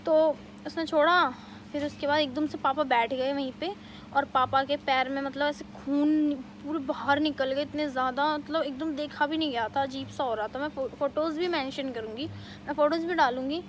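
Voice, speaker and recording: A young woman vlogger telling a family story in a casual, animated way, with many fillers. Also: high voice, a little hiss or hum. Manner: animated retelling, quick bursts, many fillers.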